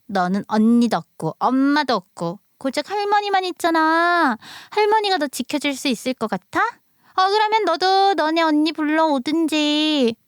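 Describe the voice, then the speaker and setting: A woman's voice: high voice, lively intonation, moderate pace, no echo, clean studio sound, voice pushed up. A woman voicing a smug little schoolgirl who mocks another child. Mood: taunting. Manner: mocking, bratty.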